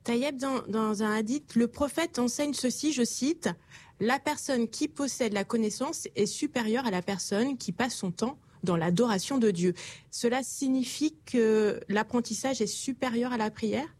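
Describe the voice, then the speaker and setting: A woman hosts a studio talk program, putting clear, polite questions to her guests and introducing the next segments. Her voice sits rather high. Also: normal speed, a little mellow. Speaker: host. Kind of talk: TV studio presenting.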